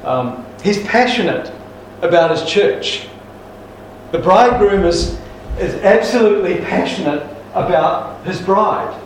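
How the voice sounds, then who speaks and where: Man preacher, folksy and emphatic, higher pitch, distant mic in an echoey church hall. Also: lively intonation, a little slow, slight background noise. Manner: folksy joke-telling with restarts, emphatic. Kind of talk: sermon with jokes.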